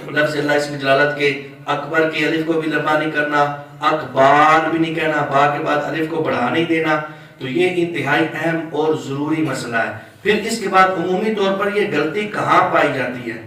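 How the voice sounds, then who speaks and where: A man's voice: fairly high pitch, fairly even intonation, a bit bright, very echoey, recorded from a distance, poor audio. A man teaching the rules of prayer as an Islamic scholar, explaining step by step and drawing out words to demonstrate them. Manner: explains slowly, draws out words when demonstrating; asks listeners questions. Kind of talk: religious lesson on prayer rules.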